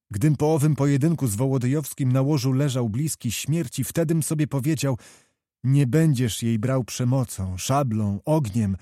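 A man's voice: medium pitch, mellow, no room sound, studio quality, natural voice. A man voicing a fiery young knight who pleads earnestly and passionately.

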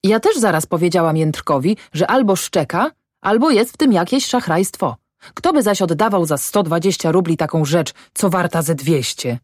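Brief: brisk peasant wife, woman reader, skeptical, dry close sound. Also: lowish voice, animated, no echo. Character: sharp-tongued middle-aged peasant wife. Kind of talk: audiobook character voice.

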